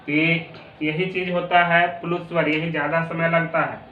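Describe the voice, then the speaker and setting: High-voiced male teacher in an echoey room. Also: flat delivery, slight background noise. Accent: Bihari Hindi. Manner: repeats definitions slowly, drawing out sounds. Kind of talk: classroom lesson. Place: classroom. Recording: echoey room, distant tinny phone-like mic.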